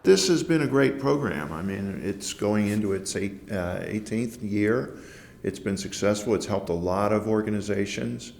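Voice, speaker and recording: Deep creaky-voiced guy answering interview questions, roomy sound. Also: expressive, normal speed, darkish tone. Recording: roomy echo with faint rumbling noise.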